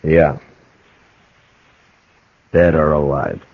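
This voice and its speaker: An American actor playing a stern, weary frontier marshal in a 1950s radio western, with a terse, commanding manner. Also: male voice, extremely low pitch, drawn-out words, creaky, full character voice. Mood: grave. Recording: muffled old radio recording.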